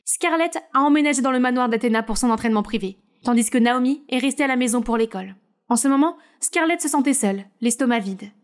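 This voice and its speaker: A woman's voice: fairly high pitch, fast. A woman narrating a short story in a conversational way with personal asides.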